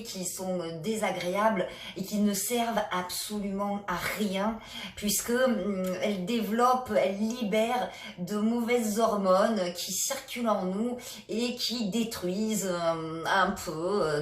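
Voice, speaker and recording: A woman leading a laughter yoga session, coaching gently with many hesitations. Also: medium pitch, takes it slowly. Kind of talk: guided exercise session. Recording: echoey room, a bit far from the mic.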